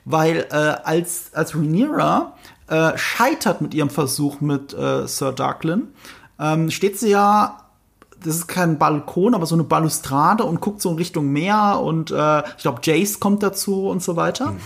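A podcast co-host with a film background chats casually about a TV series, explaining camera choices and teasing listeners with quiz questions. His medium-pitched voice is creaky and unhurried.

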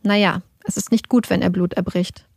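A woman voicing a calm, firm emergency dispatcher who keeps pressing the same questions. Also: mid-range voice, normal speed, creaky, slightly rough, no echo, studio quality. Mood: insistent. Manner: insistent, repeating questions.

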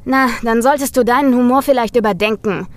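A woman doing a loud, jeering hulk of a man. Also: a little high, a little fast, lightly acted. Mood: mocking. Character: brutish, mocking hulking young man.

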